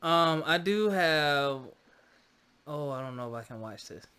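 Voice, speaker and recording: A man's voice: on the high side, lively intonation, measured pace, sharp tone. A man hosting a podcast in casual chat, laid-back and slangy with a teasing streak. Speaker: podcast host.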